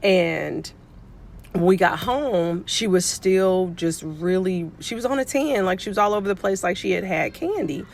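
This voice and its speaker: A woman's voice: lowish voice, expressive, a little slow. A middle-aged woman, a pediatric nurse and life coach, telling a story casually to camera and acting out what people said. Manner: chatty, acts out quoted dialogue.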